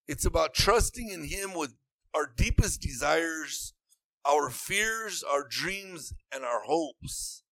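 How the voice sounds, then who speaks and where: A man's voice: on the high side, creaky, fairly bright tone, dry recording. A man preaching a sermon in an earnest, repetitive way that rises into emphatic bursts.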